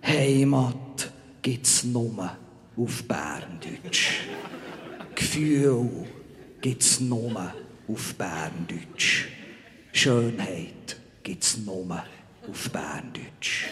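A scornful, self-important archangel, as a man acts him out on stage, declaims in a Bernese Swiss German accent at a drawn-out, ceremonious pace. His live spoken-word performance rings out in a hall with a long reverb. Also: on the low side, lively intonation, exaggerated voice. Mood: solemn. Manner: slow, solemn proclamations that turn into shouted insults. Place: stage in front of a live audience.

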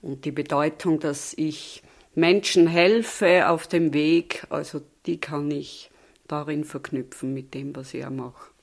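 An Austrian woman in her fifties, a seminar leader, is a thoughtful interview guest in a conversational interview, speaking in a deep, steady, creaky voice and taking it slowly. Her Austrian German dialect has a slight Swiss tinge, and she often ends with "oder?".

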